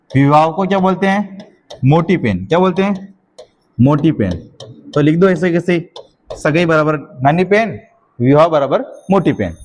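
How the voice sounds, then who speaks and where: A middle-aged man, teaching an exam-prep class and slowly dictating notes, repeating each phrase and checking in with his students. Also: a little high, a little mellow. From Rajasthan.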